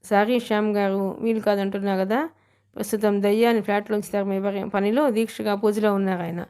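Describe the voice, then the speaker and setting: A woman's voice: medium pitch, steady tone, a little fast, a little mellow, clean tone, close to an everyday voice. A woman narrator reading the part of a worried young woman who scolds and questions sharply. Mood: firm. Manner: worried, reproachful.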